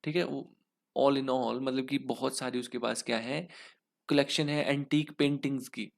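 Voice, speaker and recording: A young man with an Indian English accent teaches an exam lesson in Hinglish, working through each answer step by step and posing questions he then answers himself. His gravelly, mid-range voice stays fairly even and unhurried.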